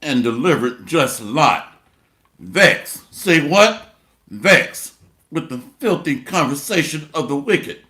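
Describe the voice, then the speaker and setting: Male preacher, sharp bright tone and slow measured pace; blunt, mocking sermon delivery. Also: fairly high pitch, animated, echoey room. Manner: blunt, coarse, mocking preacher with rhetorical call-outs. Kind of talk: sermon with scripture reading.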